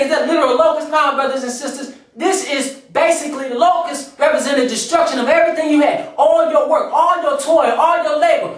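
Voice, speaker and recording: A man's voice: very high voice, fairly bright tone. A man preaching a sermon, reading scripture aloud and explaining it, repeating phrases for emphasis. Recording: echoey room from far off.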